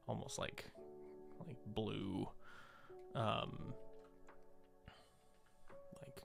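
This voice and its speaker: A man with a lowish voice and vocal fry casually narrates his on-screen work during a livestream. He's a streamer and visual artist, musing aloud in hesitant fragments.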